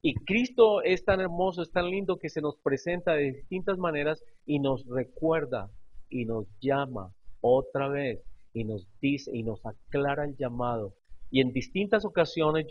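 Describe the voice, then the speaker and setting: A pastor preaching a sermon, telling stories expressively and repeating phrases for emphasis. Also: male voice, fairly high pitch, moderate pace, darkish tone, slightly rough, muffled recording. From Colombia.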